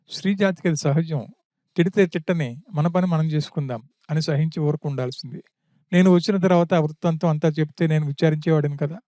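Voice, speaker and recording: A man's voice: a little high, warm tone, no echo, studio quality, lightly acted. A man voicing a grieving prince who reproaches his younger brother, read in an audiobook of an epic.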